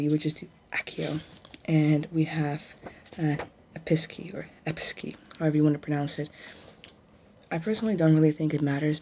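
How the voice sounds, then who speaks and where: Woman for ASMR role-play: secretive young witch student, low, even pitch, hushed halting gossip, noisy clicky recording.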